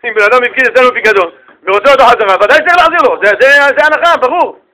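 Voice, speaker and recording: A man's voice: on the high side, very animated, sharp tone, voice pushed down, exaggerated voice, rough recording. Man voicing Rabbi Meir, a humble old sage. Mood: reassuring. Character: revered old male rabbi, gentle and humble.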